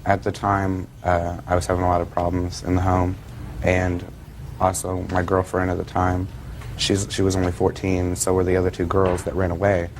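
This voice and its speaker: A seventeen-year-old American male testifies as a plaintiff. His voice is low and very even, and he answers politely and hesitantly, with faint noise in the background. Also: moderate pace. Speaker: young plaintiff. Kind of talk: courtroom testimony.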